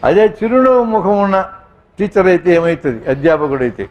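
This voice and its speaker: A doctor with a high voice and big pitch swings speaks briskly in a humorous motivational talk to students. He tells jokey anecdotes and addresses his audience directly, and the audio sounds dull.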